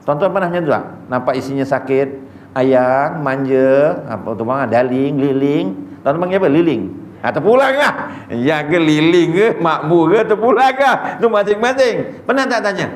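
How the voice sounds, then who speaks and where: A male religious lecturer tells jokey stories and speaks directly to the crowd in a fairly high, bright voice. The room is echoey, with a faint ambience behind him. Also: lively intonation, moderate pace, a little hiss or hum. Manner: storytelling, jokey, addresses the audience directly.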